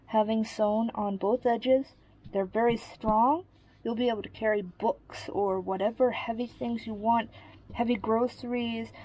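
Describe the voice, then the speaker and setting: A woman's voice: on the high side, warm tone, low-quality recording. A woman giving a casual sewing tutorial, explaining each step in a friendly way while she works. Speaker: sewing instructor.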